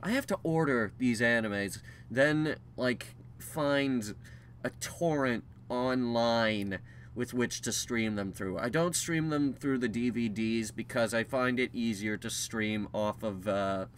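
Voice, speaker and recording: A man's voice: mid-range voice, takes it slowly, a bit bright, a little hiss or hum. A young man hosting a casual vlog update, rambling with frequent ums and restarts, candid and self-deprecating. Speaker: channel host giving a news update.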